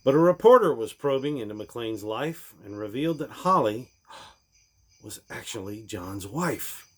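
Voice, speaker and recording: Reading a parody Christmas storybook in rhyme, a man uses a sing-song, mid-range voice at a slightly slow pace. He's theatrical and emphatic, with lines that swell and then fall away at their ends.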